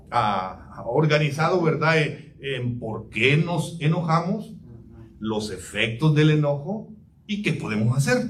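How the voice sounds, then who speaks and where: A man preaching a chatty sermon, hesitant with many fillers and restarts, in a church hall. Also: on the high side. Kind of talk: sermon with anecdotes. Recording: distant mic, faint room noise.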